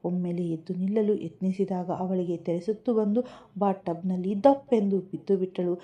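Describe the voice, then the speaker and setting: A woman narrating a love story in scripted, even, descriptive storytelling. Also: fairly low pitch, moderate pace, highs cut off.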